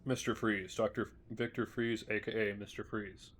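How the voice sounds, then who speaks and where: A male streamer reading journal entries from a video game aloud in a measured way, with small restarts. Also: lowish voice, little pitch movement, a bit bright, slight background noise.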